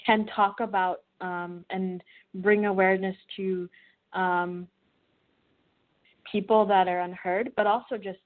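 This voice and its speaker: Speaking over a call with a tinny phone sound, this young Midwestern woman from Wichita, Kansas, a student and filmmaker, answers interview questions reflectively. Her mid-range delivery is flat and slow, full of pauses, fillers, and restarts.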